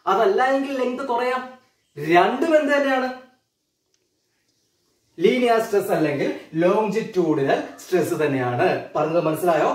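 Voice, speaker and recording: A man with a Malayali accent gives a physics lesson in a fairly high voice. He keeps checking on his students with questions and repeats the key terms slowly. His voice comes from a little way off the mic in an echoey room. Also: recorded from a distance. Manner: keeps asking students questions, calls them children. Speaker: physics teacher. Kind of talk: classroom lecture.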